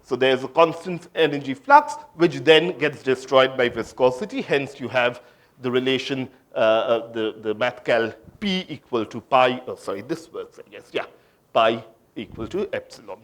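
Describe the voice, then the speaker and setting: A man's voice: medium pitch, moderate pace. A man from India giving an academic conference talk on physics, hesitant, with many fillers and restarts. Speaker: physics lecturer.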